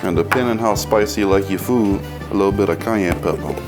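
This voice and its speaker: A man's voice: low voice, fairly quick, over music. A man with a Cajun accent hosting a casual cooking demonstration as the chef, talking in a folksy, colloquial way. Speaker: cooking show host and chef.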